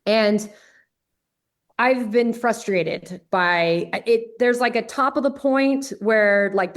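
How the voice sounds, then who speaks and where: A woman guest on a podcast, telling a story casually and candidly, with lots of "like". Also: mid-range voice. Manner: chatty, candid, peppered with "like".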